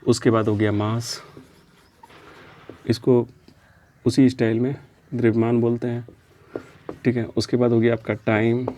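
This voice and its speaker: A man teaching physics in a patient lecture style, with a mid-pitched voice. He poses a question, gives the answer himself, then repeats the term several times. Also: measured pace, pauses often, slight background noise. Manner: repeats key terms, asks questions and answers them himself; steady, explanatory, drills terms.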